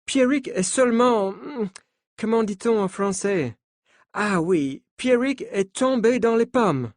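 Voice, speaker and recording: A man's voice: high-pitched, animated, slow, dry recording, clean studio sound, voice pushed up, heavily acted. A man voicing a brash male American sports coach who insists he has everything under control. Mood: insistent. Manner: insistent, reassuring, talks over others.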